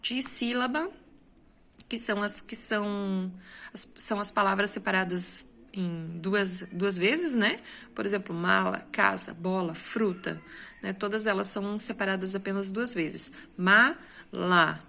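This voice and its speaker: A woman teacher with a Brazilian Portuguese accent, recorded at home while she goes over her class's exercises. She speaks at an unhurried pace in a mid-range voice. She explains patiently and step by step, checking in with her students along the way. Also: mid-range voice, creaky, a bit bright. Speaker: school teacher. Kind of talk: recorded lesson, correcting exercises.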